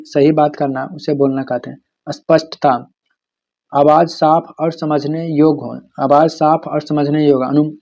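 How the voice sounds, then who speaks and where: A man's voice: on the high side, mellow, highs cut off. A man teaching an exam-prep lecture, repeating key terms and answering his own questions.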